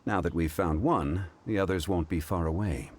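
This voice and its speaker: An actor portrays a calm, formal man with an ancient, scholarly air. His voice sits low, and he speaks in a measured, unhurried way.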